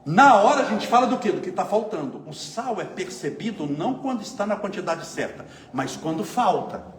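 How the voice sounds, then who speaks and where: Telling everyday stories and asking his listeners rhetorical questions, a man from São delivers a lively, conversational spiritist lecture. His voice is high and his pace moderate. Echo and faint ambient noise fill the room.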